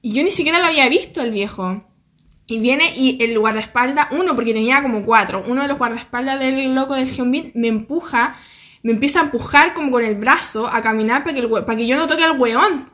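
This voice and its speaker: A young Chilean woman with a Chilean accent, telling a story to her viewers in a lively, slangy way and acting out what people said. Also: sits high, fairly quick. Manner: animated, laughing, slangy, acts out quotes. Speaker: vlogger.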